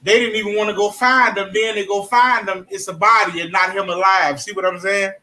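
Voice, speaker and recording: A man co-hosting a casual gossip chat, slangy and quick to laugh, repeating his points. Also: high voice, fairly even intonation, pushed and bright.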